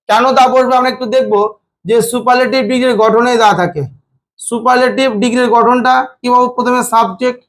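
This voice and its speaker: A male English teacher with an extremely high, fairly bright voice teaches grammar, asking the class questions and answering them himself. He affectionately calls students "babu" and draws words out slowly to spell them or count syllables.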